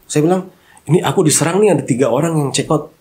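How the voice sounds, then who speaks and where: A man in casual podcast chat, a hotel manager who tells animated stories and mixes English phrases into his talk. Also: a little high, fast talker.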